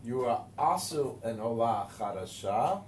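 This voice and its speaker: A man's voice: mid-range voice, expressive, a little slow. Jovial man hosting an interview. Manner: warm, jovial greetings. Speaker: interview host. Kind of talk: friendly interview. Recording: echoey room, far from mic, noisy.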